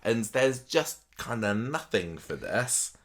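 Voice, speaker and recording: A man's voice: medium pitch, very animated, slow pace. A man co-hosting a podcast, chatting casually about a soap episode with frequent restarts and fillers. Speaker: podcast co-host. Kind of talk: casual chat.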